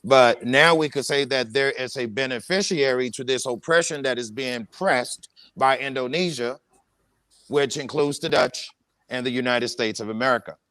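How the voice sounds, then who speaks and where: Male live-stream panel host, middle pitch, dry close sound, emphatic and repetitive delivery. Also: moderate pace, a bit bright, no echo. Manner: emphatic, preacher-like cadence, repeats phrases. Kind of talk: live online panel discussion.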